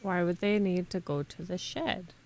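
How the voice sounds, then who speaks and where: A woman streaming a game, chatting casually, playful and excitable, cooing at the characters on screen. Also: on the low side, normal speed, a little hiss or hum.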